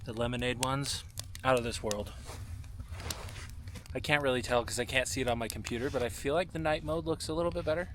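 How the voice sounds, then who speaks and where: A man talking casually to camera as a solo camping vlogger, in a relaxed, understated way. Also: medium pitch, brisk, pauses often. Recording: clear background noise, small clicks.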